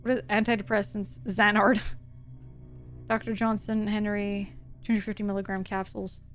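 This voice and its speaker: A woman horror game streamer giving chatty, expressive, informal live commentary. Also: mid-range voice, normal speed, soft background music.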